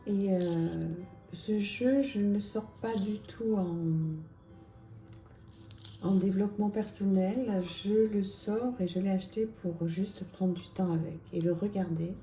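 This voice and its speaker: A woman presenting oracle card decks in a casual, chatty vlog, with lots of small pauses and fillers. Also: mid-range voice, fairly even intonation, mellow, reverberant, soft background music. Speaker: tarot and oracle card reviewer.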